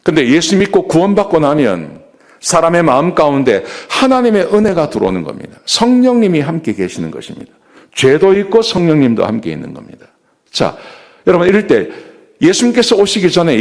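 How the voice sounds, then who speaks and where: A man's voice: on the high side, huge pitch swings, brisk, gravelly. A man preaching a Sunday sermon as a pastor, retelling a scripture story and acting out the quoted speech. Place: church.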